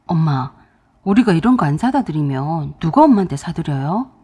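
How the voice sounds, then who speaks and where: A woman voicing an earnest adult son reasoning with his mother in a husky tone. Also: low voice, sing-song, normal speed, mellow, voice pushed down, full character voice. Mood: pleading.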